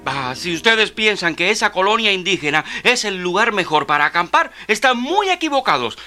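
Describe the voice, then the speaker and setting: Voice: medium pitch, bright, forceful tone. An actor playing an eager, argumentative schoolboy who boasts and pleads in a children's audio drama. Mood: boastful, argumentative.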